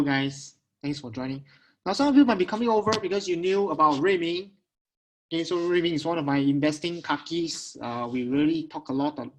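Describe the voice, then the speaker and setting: Casting: Singaporean man as webinar host, slightly high voice, casual Singlish, repetitive check-ins with attendees. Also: low-quality recording. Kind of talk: casual live webinar talk to online attendees. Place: at home on a video call.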